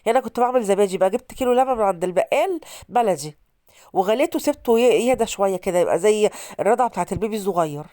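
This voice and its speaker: A woman's voice: mid-range voice, warm tone, no room sound, studio quality. A woman from Alexandria with an Egyptian Arabic accent, hosting a casual cooking vlog while congested from a cold, chatty and repeating herself to viewers. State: stuffy nose from a cold. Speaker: cooking channel host.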